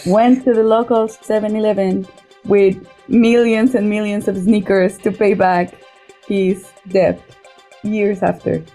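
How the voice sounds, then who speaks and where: A woman's voice: medium pitch, steady tone, measured pace, warm tone, faint music behind. A woman from Mexico, a guest on a casual podcast, slightly nervous with hesitant fillers.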